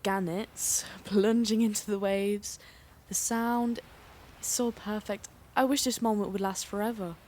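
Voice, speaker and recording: A young actress playing an earnest, kind-hearted teenage girl in an audio play, gentle and wistful. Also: medium pitch, steady tone, a little slow, a little hiss or hum, close to an everyday voice. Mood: dreamy. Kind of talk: youth theatre audio play.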